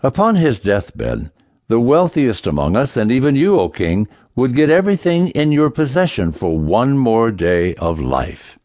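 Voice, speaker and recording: A man's voice: medium pitch, sing-song, darkish tone, dry recording. A man voicing a dignified physician addressing a king earnestly. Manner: measured, earnest.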